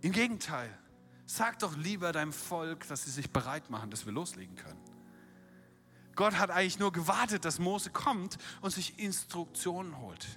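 Animated, bright-voiced male preacher. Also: on the high side, normal speed, faint music behind. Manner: animated storytelling, acting out quotes, rhetorical questions. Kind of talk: sermon.

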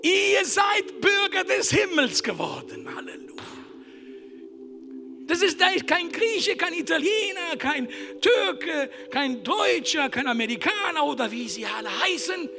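A man preaching a sermon as pastor of his church, emphatic, swinging from shouted lines down to hushed whispers. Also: extremely high pitch, big pitch swings, measured pace, creaky, noisy background. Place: church service. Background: music.

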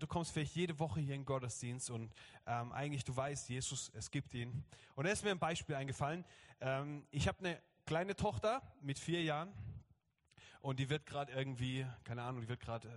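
A man in his thirties preaching a lively sermon as pastor, often acting out other people's voices. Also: medium pitch, normal speed. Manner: lively, acts out quoted voices. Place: church hall. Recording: long hall reverb.

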